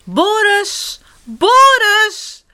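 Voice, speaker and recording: A woman's voice: takes it slowly, lightly acted. A woman doing a frantic little sister. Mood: panicked. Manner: urgent, high, breathless cries.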